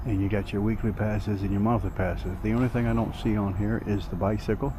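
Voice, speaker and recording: A man's voice: on the low side, fairly even intonation, brisk. A man with an easygoing drawl, chatting casually for a vlog while out riding. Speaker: vlogger. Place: outdoors on an e-bike ride. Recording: clear outdoor traffic and vehicle noise.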